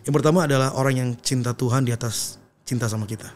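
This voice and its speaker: A man's voice: medium pitch, steady tone, quick pace. A young adult man, a pastor and guest, telling his story in an earnest, reflective way in casual conversation.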